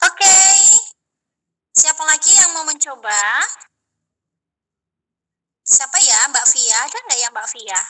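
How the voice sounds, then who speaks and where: A woman moderating an online class in a friendly, unhurried way, calling on students by name. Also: sits high, animated, sharp tone, low-quality recording.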